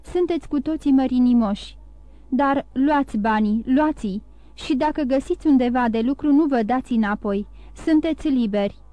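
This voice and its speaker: A woman voicing a dignified, grieving older shipowner who speaks gently and formally in a storybook reading. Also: sits high, dry recording, natural voice. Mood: moved.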